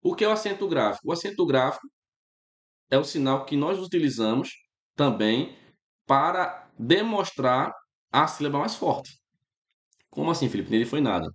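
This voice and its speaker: A man with a Brazilian Portuguese accent gives a relaxed, casual grammar lesson and keeps checking in with his students. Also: fairly high pitch, moderate pace, pauses often, echoey room. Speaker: teacher.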